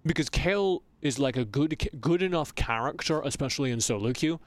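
A man co-hosting a gaming podcast, speaking casually with a wry, understated sense of humor. His voice sits at an ordinary male pitch and sounds close and dry, with no room echo. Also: expressive, a little fast. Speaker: podcast co-host, AD carry player.

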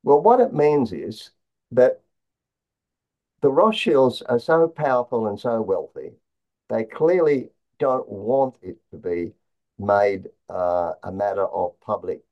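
A man explaining conspiracy theories as an interview guest, in a halting way, often repeating words and restarting his phrases. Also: lowish voice. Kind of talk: conspiracy talk, explaining slides. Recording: dull, lo-fi sound.

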